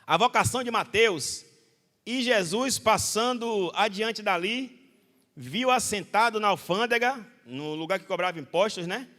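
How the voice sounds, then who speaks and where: A man's voice: high voice, a little slow. A Brazilian man preaching a Bible study sermon as pastor, telling stories with animation and acting out the voices of the people in them. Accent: Brazilian Portuguese. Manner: animated storytelling, acts out quoted voices. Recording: hall reverb.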